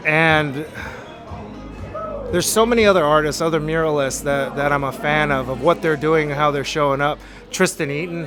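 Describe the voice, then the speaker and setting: A man from Los Angeles, an artist giving an earnest, motivational interview about his work. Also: a little high. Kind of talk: reflective interview talk. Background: music.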